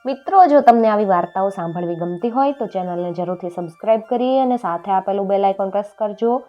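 Steady woman telling a folk tale. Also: mid-range voice, quick pace. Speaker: storyteller. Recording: dull audio with faint music.

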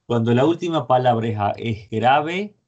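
A man's voice: mid-range voice, expressive, moderate pace, a little mellow, muffled recording. Man teaching songwriting, singing lines. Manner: sings short melody lines between spoken explanations. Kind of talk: online music lesson, explaining and singing examples. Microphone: video call.

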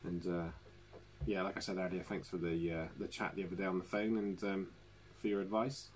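A man's voice: deep voice, flat delivery, brisk, slight background noise. A man hosting a casual live stream from home, chatty and laughing often as he talks to viewers. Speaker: channel host. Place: home living room.

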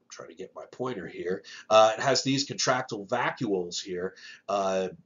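A man's voice: lowish voice, normal speed, lo-fi sound. A man with a stuffy, nasal voice from a sinus infection, giving a casual recorded biology lesson with many "uh" fillers. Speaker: biology teacher.

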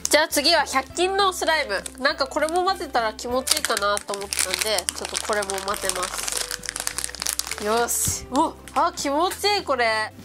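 A young woman with a stuffy nose from a cold, chatting excitedly as she plays with slime at a table. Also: high voice, brisk, hardly any pauses. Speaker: slime vlogger. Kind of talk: casual chat. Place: indoors at a table. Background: background music.

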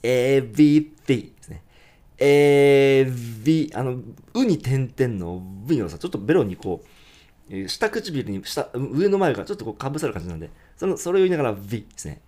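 Male English teacher, animated delivery; slow sung lyric lines, quick explanations. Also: mid-range voice. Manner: breaks lyrics into slow drawn-out syllables, then explains quickly. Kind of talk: pronunciation lesson, singing lyric lines slowly.

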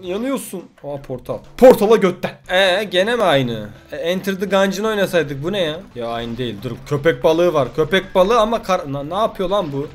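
A man giving loud, joking commentary while playing mobile games. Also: a little high. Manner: loud, jokey, swearing, exclaiming at the game. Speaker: gaming youtuber. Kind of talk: let's play commentary.

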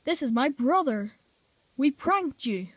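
A woman voicing a friendly, confident male diesel engine who speaks calmly. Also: high-pitched, slow, dry recording. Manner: confident, calm.

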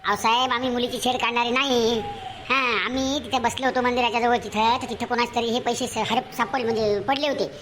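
A woman voices a cheeky cartoon village boy who pleads with officials and talks back. The voice is high and rattles along fast. Faint noise sits under the recording. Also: fairly even intonation, fairly bright tone, close to an everyday voice, low-quality recording. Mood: pleading. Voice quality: cheeky, rapid, pleading "sahib".

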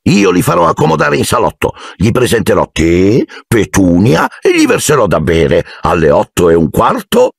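A man's voice: fairly low pitch, huge pitch swings, normal speed, vocal fry, few pauses, slightly rough, dry recording, clean studio sound, pitched above the performer's own voice, exaggerated voice. A man voicing a pompous, sour middle-aged uncle in a storybook reading.

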